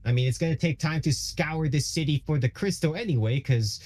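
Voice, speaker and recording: A man with a mellow, dark voice plays a tabletop game. He muses over his options, hesitates and thinks aloud, often with a quiet "hmm". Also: a little high, brisk. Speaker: player. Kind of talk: casual tabletop game play.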